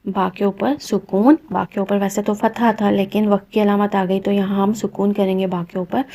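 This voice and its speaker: A woman's voice: mid-range voice, flat delivery, mellow. A woman teaching Quran recitation rules, explaining each rule patiently and methodically and repeating it step by step. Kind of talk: step-by-step tajweed lesson.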